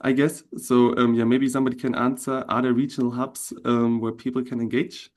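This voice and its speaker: A man's voice: mid-range voice, flat delivery, brisk, a little mellow. A man moderating an online meeting in a polite, hesitant way, with many ums. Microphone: video call.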